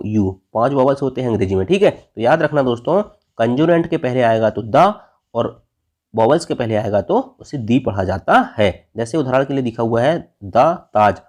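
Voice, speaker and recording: A man's voice: medium pitch, lively intonation, normal speed, darkish tone. A man with an Indian accent teaching an exam-prep grammar lesson, who keeps asking and answering his own questions and tags phrases with "theek hai".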